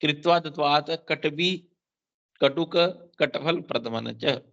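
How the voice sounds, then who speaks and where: Bright-voiced man teaching exam verses. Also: a little high, takes it slowly. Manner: explains Sanskrit verses line by line, repeats key terms; mixes in English terms, frequent "theek hai" check-ins. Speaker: Ayurveda teacher. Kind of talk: exam-focused lecture. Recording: dull lo-fi sound.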